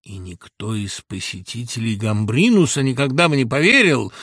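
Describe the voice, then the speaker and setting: A man reading a literary audiobook in a recording studio, with dramatic, expressive storytelling. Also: mid-range voice, normal speed, breathy edge, no echo. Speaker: audiobook reader. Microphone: studio mic.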